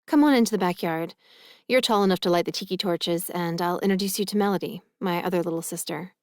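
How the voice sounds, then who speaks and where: A woman's voice: on the low side, quick pace, dry recording, studio quality, close to an everyday voice. A woman reading the lines of a prickly older sister who speaks in a clipped, guarded way in an audiobook.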